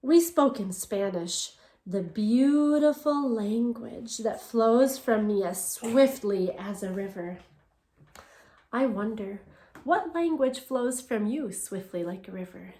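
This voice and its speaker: An elementary school teacher with a bright, fairly high female voice reads a picture book aloud slowly, switching between English and Spanish. She tells the story expressively and asks the children questions. The room is echoey.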